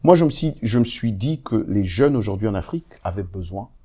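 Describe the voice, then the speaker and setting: Lively low-voiced man. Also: brisk, slightly rough. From Democratic Republic of the Congo. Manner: hesitant fillers, laughs while recounting anecdotes. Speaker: guest journalist. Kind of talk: casual interview chat, animated storytelling.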